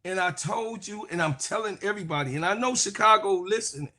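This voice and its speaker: Co-hosting a sports talk show, a man rants through heated, fiery, profane commentary, repeating his phrases and frequently shouting. His voice is high and his delivery brisk.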